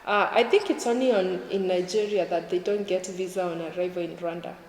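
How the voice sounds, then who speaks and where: A woman's voice: lowish voice, fairly even intonation, brisk, a little mellow, a little hiss or hum. A young woman from Kenya, chatting casually in an interview, with lots of fillers. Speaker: YouTuber guest. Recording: echoey room with long reverb.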